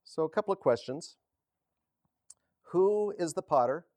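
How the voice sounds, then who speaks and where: Pastor, male, casual halting sermon delivery, unhurried, dry close sound. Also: on the high side, expressive, darkish tone, dry recording. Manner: halting, self-correcting, chuckles often.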